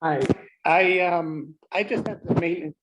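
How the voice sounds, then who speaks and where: A man giving public comment over a remote line whose audio keeps cutting out, speaking in a hesitant, halting way. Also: fairly high pitch. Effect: glitchy call-in audio cutting out. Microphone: remote call-in line. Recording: noisy, clicking, dropping remote line.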